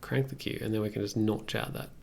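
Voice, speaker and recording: Speaking a little fast in a fairly low, gravelly, darkish voice with fairly even intonation, a young man chats casually during a music production livestream tutorial. He thinks aloud hesitantly as he works at a computer desk indoors, and a little hiss or hum is audible.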